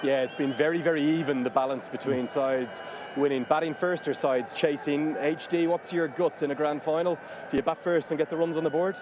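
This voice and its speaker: A man's voice: fairly high pitch, steady tone, fairly quick, noisy background. A man hosting cricket coverage in a conversational, presenterly style. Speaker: sports broadcast host.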